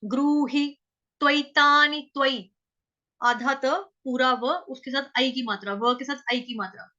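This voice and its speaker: Woman, Sanskrit chanting teacher; slow, syllable-by-syllable drills in a bright tone. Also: high-pitched, muffled recording. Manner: breaks words into syllables, repeats them slowly, chants verse lines drawn out. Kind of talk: syllable-by-syllable pronunciation lesson.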